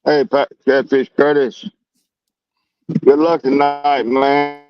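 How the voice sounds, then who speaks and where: A man's voice: medium pitch, level tone, takes it slowly. A laid-back man chatting casually while fishing from a riverbank, his voice coming through a choppy livestream that keeps dropping out. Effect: choppy, dropping livestream audio. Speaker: angler streaming live. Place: riverbank outdoors. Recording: dull lo-fi dry stream audio.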